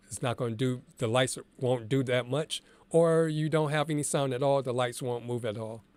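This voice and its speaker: A male DJ, congested from allergies and a bit froggy, explains his setup in a relaxed, candid way and thinks aloud as he goes. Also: medium pitch, smooth, no echo. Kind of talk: casual screen-share tutorial.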